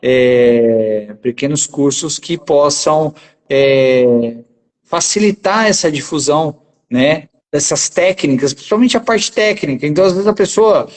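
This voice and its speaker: A man's voice: fairly high pitch, lively intonation, measured pace. A man speaking as a guest dentist in a casual conversation, explaining steadily and ending many phrases with a tag question.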